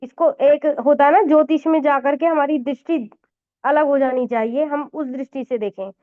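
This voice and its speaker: Over tinny, phone-like audio, a woman who teaches Vedic astrology talks through a lesson in a high, steady voice at a moderate pace. Her explanations are full of fillers and sprinkled with English words.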